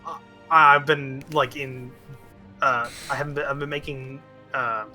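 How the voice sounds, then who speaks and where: A tired man in voice chat, his voice bright and forceful even as he fumbles for his words. He trails off mid-sentence often, short on sleep. He sounds like he's gaming with friends on a headset. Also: mid-range voice, unhurried, faint music behind. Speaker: multiplayer game player. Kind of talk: casual voice-chat banter.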